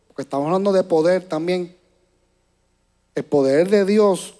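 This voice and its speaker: A man preaching a sermon to a church congregation, moving between hushed and loud passages and often repeating words as he searches for them. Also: a little high. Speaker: pastor.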